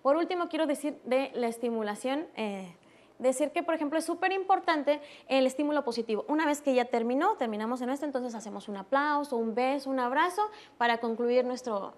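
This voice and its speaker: Woman, Mexican accent, high voice; instructor demoing on a TV morning show, patient and gentle. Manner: explains slowly, softens words for babies. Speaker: early stimulation instructor.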